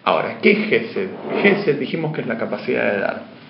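A man giving a spiritual lecture to a class, asking questions of his listeners and moving between emphatic and hushed speech. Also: mid-range voice, sing-song, normal speed, creaky, background noise. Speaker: teacher. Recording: dull, roomy lo-fi room sound.

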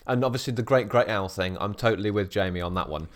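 Joking and laughing often, this British podcast co-host chats casually from an office at a bird of prey centre. His voice sits on the low side, and he speaks quickly in British English.

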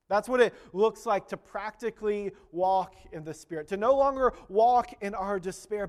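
A man in his thirties delivers a sermon from the pulpit with a fairly high, bright-edged voice. He speaks earnestly and his volume swells when he reads scripture or voices a prayer. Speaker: pastor.

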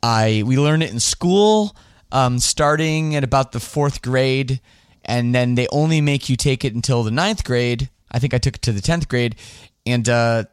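A man from Canada hosting a podcast, answering listener questions in a relaxed, rambling way with lots of fillers. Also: medium pitch, normal speed, smooth, no echo, studio quality. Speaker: podcast host.

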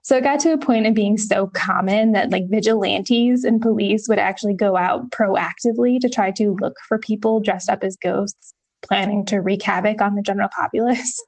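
A woman co-hosting a casual history podcast, talking in a relaxed way with lots of ums and the odd wry swear word. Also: medium pitch, normal speed. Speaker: podcast co-host.

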